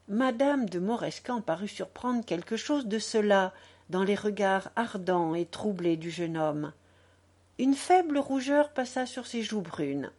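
A woman reads a classic novel aloud at a slow, unhurried pace. Her pitch rises and falls with lively expression, giving each sentence a measured, deliberate shape. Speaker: audiobook narrator. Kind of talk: literary reading.

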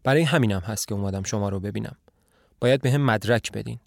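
A man voicing a shrewd, calm older detective in a dramatized play reading, measured and persuasive. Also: lowish voice, gravelly, no room sound, studio quality.

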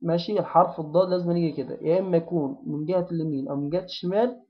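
A man with an Egyptian accent teaching the pronunciation of recitation, repeating words and syllables slowly to drill them. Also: a little high, fairly even intonation, lo-fi sound. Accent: Egyptian Arabic. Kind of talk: tajweed pronunciation lesson.

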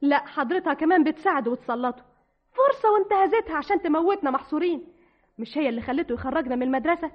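A young egyptian orphan girl, high and talking super fast, muffled radio. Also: animated. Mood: resentful. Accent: Egyptian Arabic. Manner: impassioned, pleading. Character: young orphaned woman, desperate to escape. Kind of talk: old radio drama acting. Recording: dull old radio recording.

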